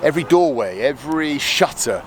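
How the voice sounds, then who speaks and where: A man's voice: a little high, lively intonation, moderate pace, slight background noise. A man chatting casually as a fellow traveller outdoors, upbeat and slangy. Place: outdoors in a city.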